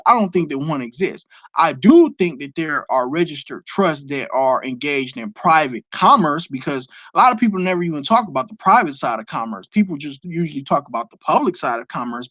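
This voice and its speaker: On a live stream, a Detroit man with a fairly high voice lectures emphatically, fielding viewer questions and letting profanity slip into his casual, unscripted talk. He sounds animated and brisk, barely pausing, his tone pushed and bright. The close, dry recording has no room sound.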